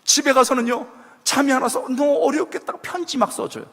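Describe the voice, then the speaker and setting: A man's voice: very high-pitched, brisk. A man giving a sermon to a young adults' group, telling stories and acting out the voices of the people in them. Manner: animated storytelling, acting out quoted voices. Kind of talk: sermon with storytelling. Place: church hall. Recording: long hall reverb.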